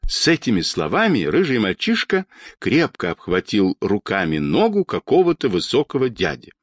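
A man narrating a children's storybook in an expressive, animated reading. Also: lowish voice, moderate pace, no room sound.

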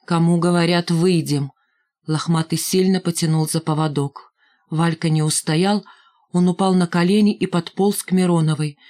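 A woman reading an audiobook in a steady, expressive narration. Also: fairly low pitch, normal speed. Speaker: audiobook reader. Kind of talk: scripted narration.

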